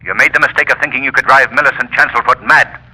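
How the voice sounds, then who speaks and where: The Shadow, sharp menacing unseen avenger. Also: male voice, mid-range voice, fairly even intonation, fast talker, husky, low-quality recording. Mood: mocking, accusing. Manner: theatrical, taunting, grandly accusing. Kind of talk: 1930s radio drama acting. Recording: old 1930s radio recording.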